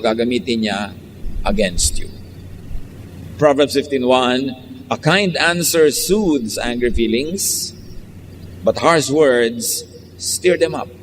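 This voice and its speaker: A man's voice: mid-range voice, in a large hall, a little hiss or hum. A man from the Philippines with a Filipino accent preaching a sermon, switching between Tagalog and English in an emphatic, teasing way.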